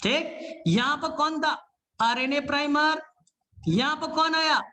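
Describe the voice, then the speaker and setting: A man teaching biology in a live online class, energetic and repetitive, quizzing students as he explains. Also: very high voice, takes it slowly.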